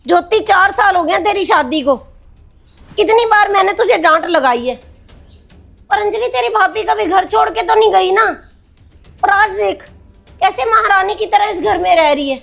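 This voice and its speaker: A woman plays a stern, caring mother in a family drama skit, her voice pitched high. She lectures firmly and then turns reassuring, with soft music far in the background. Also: expressive, moderate pace, creaky, long pauses, exaggerated voice. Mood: scolding. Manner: scolding then firm and reassuring. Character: stern but caring middle-aged mother.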